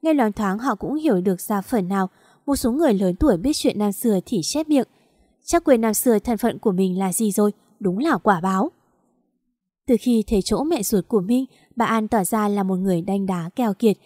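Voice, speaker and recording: Một người phụ nữ đọc truyện audio, giọng kể đều và giàu kịch tính. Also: female voice, mid-range voice, normal speed, dry recording, studio quality. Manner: steady, dramatic storytelling. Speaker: audiobook narrator. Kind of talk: scripted story narration.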